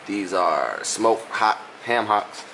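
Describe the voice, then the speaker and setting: A man's voice: fairly low pitch, lively intonation, takes it slowly. A young man with a Louisiana accent, talking casually and teasing as he cooks in his home kitchen on a cooking vlog. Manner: joking, laid-back, teasing. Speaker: cooking vlogger. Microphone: phone camera on the counter. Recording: echoey kitchen with background noise.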